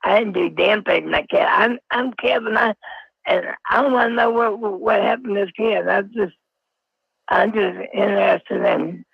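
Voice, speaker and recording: A man calling in to a live show, his voice run through a pitch-shifting voice changer, stammering and halting. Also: vocal fry, breathy edge, no echo. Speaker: caller. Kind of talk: phone-in call to a live show. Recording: muffled call played back on stream.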